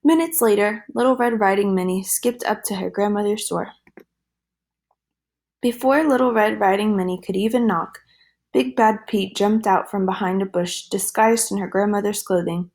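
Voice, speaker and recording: A woman reading a children's storybook aloud in a gentle, lively storytelling manner. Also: medium pitch, normal speed.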